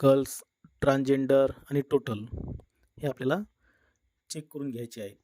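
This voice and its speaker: A man narrating a step-by-step software tutorial in a plain instructional manner. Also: mid-range voice, fairly even intonation, moderate pace, a little hiss or hum. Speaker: tutorial presenter. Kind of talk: screen-recorded software tutorial.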